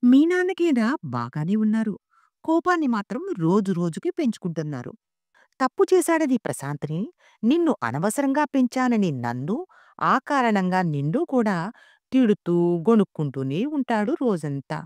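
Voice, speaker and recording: A woman's voice: low voice, moderate pace, long pauses, mellow, no echo, natural voice. A woman voicing a retired old mother who speaks with care and worry in a storybook reading. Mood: worried. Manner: pleading, caring.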